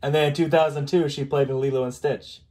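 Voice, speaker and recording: A man hosting a casual live stream, chatting in a rambling, halting way full of fillers over a video chat mic. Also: a little high, steady tone, a little mellow. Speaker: streamer host. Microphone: video chat computer mic.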